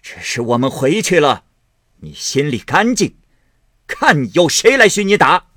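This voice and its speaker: A man's voice: on the high side, very animated, unhurried, a bit bright, no echo, studio quality, pitched above the performer's own voice, full character voice. A man reading aloud and voicing a stern, grieving old matriarch who scolds her son with cold sneers. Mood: angry scolding.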